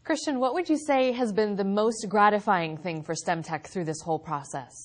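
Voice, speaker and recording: A woman's voice: medium pitch, normal speed. Polished female infomercial host. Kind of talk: scripted presenting.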